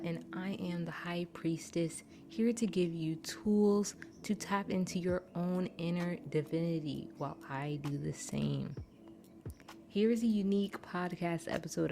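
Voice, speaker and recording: A woman hosting a spiritual podcast, talking in a gentle, reflective way that drifts into asides and laughs easily. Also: fairly low pitch, slight background noise. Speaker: podcast host, spiritual teacher. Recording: music clearly underneath.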